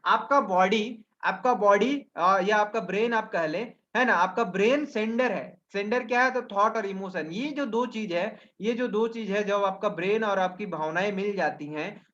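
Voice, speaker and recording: A webinar trainer with a high, somewhat bright voice gives an explanatory lesson, repeatedly posing questions and answering them himself, then adding check-in questions. His audio arrives through a dull, lo-fi video call.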